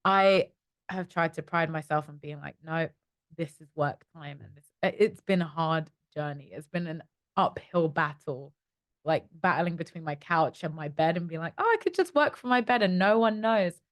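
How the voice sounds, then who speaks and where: A young woman with a London accent talks through her days in a relaxed interview, acting out her own thoughts as she goes. Her voice sits a little low for a woman and is recorded close and dry. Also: normal speed, dry recording. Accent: London English. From East London, England. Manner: chatty, animated storytelling with acted-out inner voices. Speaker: startup co-founder, guest. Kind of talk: casual interview chat.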